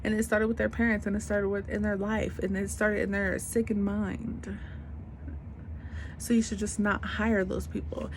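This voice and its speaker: A woman's voice: mid-range voice, little pitch movement, moderate pace, a little hiss or hum. A woman in her twenties venting in an unscripted vlog rant, blunt and emphatic, repeating her points in casual slangy speech. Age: 20s. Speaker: vlogger.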